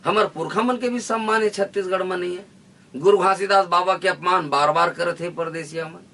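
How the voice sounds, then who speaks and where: Man, Chhattisgarhi accent, fiery declaiming speech, high voice, bright tense tone, heard from a distance. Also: fairly quick. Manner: forceful, declaiming, repetitive rallying lines. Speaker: interviewee, activist leader.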